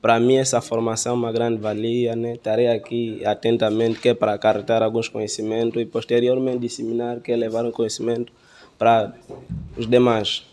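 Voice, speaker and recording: Formal male representative; deliberate, monotone. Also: mid-range voice. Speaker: youth organization representative. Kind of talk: self-introduction.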